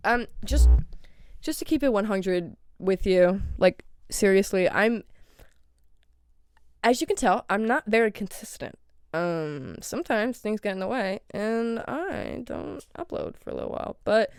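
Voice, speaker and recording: A woman's voice: mid-range voice, smooth, no echo, clean studio sound. A young woman hosting a casual solo podcast, rambling in a playful way and swearing freely. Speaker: podcast host.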